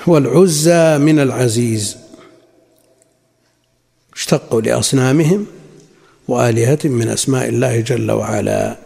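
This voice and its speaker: شيخ رجل بصوت خشن أجش في قاعة. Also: male voice, medium pitch, creaky, mellow, husky. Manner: measured, explanatory, quotes sources then comments. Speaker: Islamic scholar teaching a lesson. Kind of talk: lecture explaining a classical text. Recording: long hall reverb.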